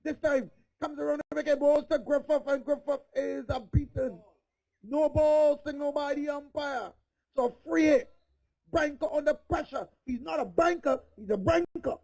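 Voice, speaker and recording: High gravelly male cricket commentator. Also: moderate pace. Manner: excitable, rises to shouts on big hits. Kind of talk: live play-by-play commentary. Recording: dull lo-fi recording.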